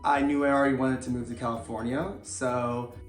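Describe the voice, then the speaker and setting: A man's voice: medium pitch, level tone, brisk. A man co-hosting a couple's vlog, telling a personal story in an earnest, hesitant way. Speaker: co-host of a couple's channel. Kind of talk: casual chat, personal story. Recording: echoey room, faint music.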